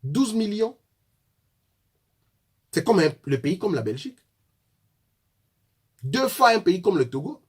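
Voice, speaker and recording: A man's voice: sits high, sing-song, slow pace, pauses often, darkish tone, slightly rough. A man from Congo with a Congolese French accent gives a fiery political address, accusing his opponents directly. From Congo (DRC). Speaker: political activist.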